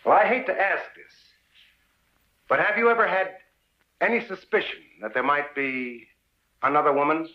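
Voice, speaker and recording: A man's voice: fairly high pitch, moderate pace, long pauses, natural voice. A polite but probing FBI man played by an actor in a 1950s film drama. The old soundtrack is muffled and echoey. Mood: tactful.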